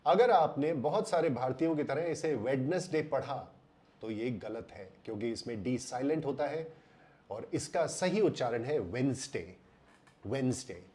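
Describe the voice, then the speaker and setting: An Indian man explaining English pronunciation in a voice-over lesson, slowing down and drawing out words to stress them. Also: medium pitch, lively intonation, a little mellow.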